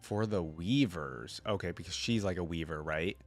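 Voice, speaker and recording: A YouTube reactor with a low-pitched voice talks at normal speed, giving casual, slangy commentary on game voice lines and tossing in "bro" and "dude." Game voice lines and faint music play in the background.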